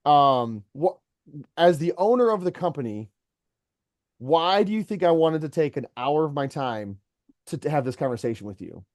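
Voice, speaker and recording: A man's voice: on the high side, animated, moderate pace, a little mellow, no echo, clean studio sound. A man who owns a company, giving an employee earnest one-on-one coaching and telling stories to make his point. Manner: earnest, storytelling, mentoring.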